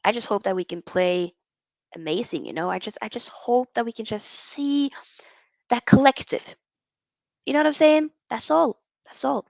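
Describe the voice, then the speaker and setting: A woman's voice: fairly high pitch, moderate pace, gravelly, no echo. Chatty woman hosting a football livestream. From Norway. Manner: animated and chatty, reads out viewer comments. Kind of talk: casual live-stream chat with viewers.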